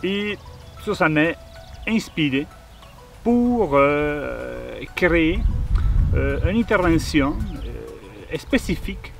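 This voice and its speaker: A man's voice: a little high, lively intonation, slow pace, gravelly. A man from Argentina, speaking as a visual artist in a documentary interview. He talks hesitantly, with many fillers and restarts. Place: outdoor garden. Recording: voice picked up from a distance, faint music.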